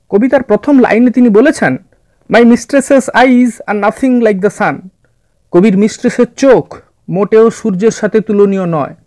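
A man narrating a scripted literature lesson in a measured, orderly way, addressing his students. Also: sits high, darkish tone, no room sound. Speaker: literature teacher. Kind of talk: scripted explanatory lecture narration.

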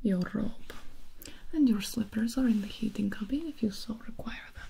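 A whispered role-play of a loyal, formal female attendant, acted by a woman. The voice is mellow with a marked creak, measured and deferential, over faint hiss. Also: fairly high pitch. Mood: deferential, composed. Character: devoted, formal, protective servant-like assistant.

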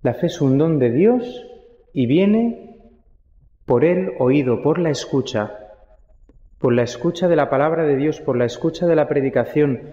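Young Spanish priest preaching in echo. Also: male voice, fairly high pitch, expressive, unhurried. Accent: Spain. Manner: reflective preaching with quiet rhetorical asides. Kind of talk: sermon. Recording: echoey church, long reverb, dull sound.

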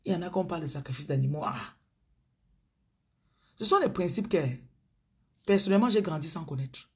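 A woman's voice: lowish voice, animated, fairly quick, darkish tone, slightly rough. A woman with a Cameroonian accent preaching on a live stream, chatting with viewers by name and often dropping into murmurs and whispers. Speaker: spiritual coach on a live stream. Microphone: phone.

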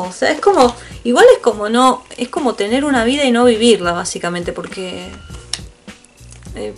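Rambling Argentine woman, fairly high voice. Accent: Argentine Spanish. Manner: rambling, chatty, swears casually, laughs often. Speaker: vlogger. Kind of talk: casual unboxing chat.

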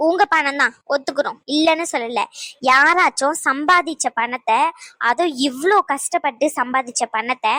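A woman's voice: sits high, a bit bright, no room sound. Woman voicing a pushy young cartoon girl. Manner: insistent, argumentative. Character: sharp-tongued young granddaughter questioning grandma. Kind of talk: cartoon voice acting.

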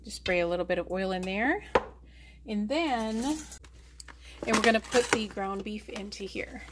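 A woman's voice: mid-range voice, a little slow. Chatty woman cooking in her kitchen. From United States. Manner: chatty, talks while working in the kitchen. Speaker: cooking video host. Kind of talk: casual cooking demonstration. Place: home kitchen. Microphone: camera on a tripod. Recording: noisy home kitchen recording.

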